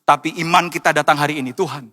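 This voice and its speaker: A pastor in church, a man with a high, ringing voice, preaching an emotional sermon. He tells personal stories warmly and climbs into impassioned, tearful cries. His tone stays sharp and forward throughout. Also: expressive, normal speed.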